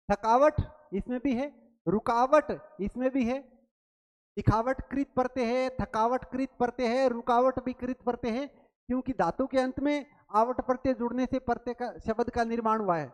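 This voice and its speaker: A woman teaching a grammar quiz lesson, asking questions and answering them herself, repeating key words slowly. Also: on the high side, a little mellow. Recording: long reverb, roomy sound.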